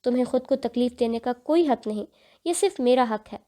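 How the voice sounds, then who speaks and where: A woman's voice: a little high, animated, warm tone, lightly acted. A woman voicing a domineering young man who roars threats in a storybook reading. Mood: menacing. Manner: roaring, threatening.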